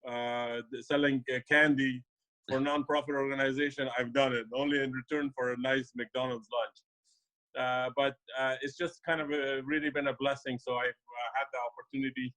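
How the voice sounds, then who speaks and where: A man's voice: medium pitch, fairly bright tone, low-quality recording. A man from Afghanistan, an immigration lawyer guest, talking casually in an interview with many fillers and restarts.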